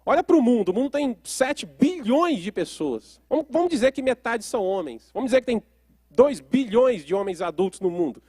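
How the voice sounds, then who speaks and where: A high-pitched man gives a lecture as a therapist, often turning to the audience with questions. The sound is dry and close, with no room echo. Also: sing-song, normal speed, dark tone, breathy edge.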